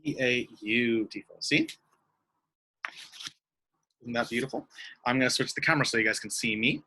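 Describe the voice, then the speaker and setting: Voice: medium pitch, normal speed, bright, forceful tone, breathy edge. A young adult teacher giving a craft lesson to young children over a video call, praising and sing-song. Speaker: elementary school teacher.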